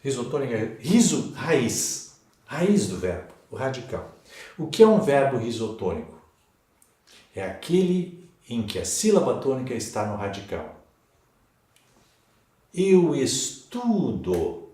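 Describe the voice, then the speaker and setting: A Brazilian man teaching a Portuguese grammar lesson for exam prep, in a slow and emphatic way. He repeats key words and checks in with the class. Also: medium pitch, very animated, mellow. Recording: echoey room.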